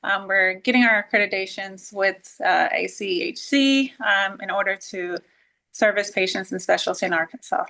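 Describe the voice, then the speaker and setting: Bright-voiced woman from Texas on a video call. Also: mid-range voice, normal speed, gravelly. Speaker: pharmacist applicant. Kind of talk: self-introduction on a video call. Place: pharmacy shelving behind her.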